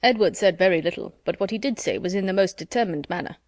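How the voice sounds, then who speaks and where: A woman voicing a pompous, self-satisfied middle-aged gentleman in a storybook reading, measured and formal. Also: medium pitch, dry recording, clean studio sound, close to an everyday voice.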